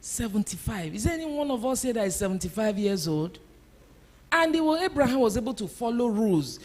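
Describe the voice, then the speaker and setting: A woman addresses a church conference audience in an emphatic talk. She presses her points home by repeating them. Her voice is lively and moves up and down. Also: fairly high pitch, a little fast. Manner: emphatic, repeats key phrases. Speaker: conference speaker.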